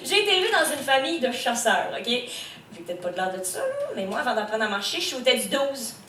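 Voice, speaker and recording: A woman's voice: on the high side, big pitch swings, a little fast, pushed and bright, roomy sound, distant mic, slight background noise. A young woman from New Brunswick with an Acadian French accent, doing a stand-up comedy set to a live crowd in a brash, teasing way. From New Brunswick, Canada. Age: young adult. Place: comedy stage before a live audience.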